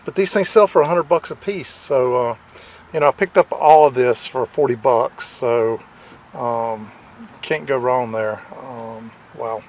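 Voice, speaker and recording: Man with a gravelly voice, vlogging outdoors. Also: mid-range voice, a little hiss or hum. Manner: halting, lots of "uh" fillers, enthusiastic about finds. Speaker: vlogger at a hamfest. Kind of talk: casual walkaround vlog. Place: outdoor fairground flea market.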